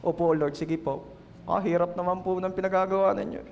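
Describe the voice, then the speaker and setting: A man's voice: extremely high pitch, lively intonation, moderate pace, dull audio. A man voicing a flustered young churchwoman in a sermon skit, whiny and squealing, in a reverberant church hall. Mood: giddy.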